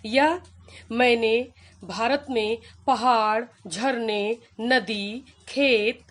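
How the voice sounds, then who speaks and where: High-voiced woman teaching Hindi grammar. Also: fairly even intonation. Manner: slow, deliberate explaining with examples. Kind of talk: grammar lesson for school students.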